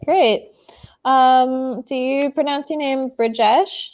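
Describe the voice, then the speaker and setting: An American woman tutors English in an online conversation over a video call, speaking encouragingly with lots of fillers. Her voice is high and a little mellow, she takes things slowly, and the sound is lo-fi.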